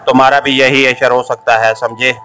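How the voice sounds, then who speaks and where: A ruthless agent questions his captives in a hard, growling tone in a storybook reading, as a man puts him on. The pitch is an ordinary middle one, the delivery cold and curt. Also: level tone, normal speed, sharp tone, a little hiss or hum, natural voice. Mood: menacing. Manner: harsh, growling. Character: ruthless male secret agent interrogator. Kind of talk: audiobook character reading.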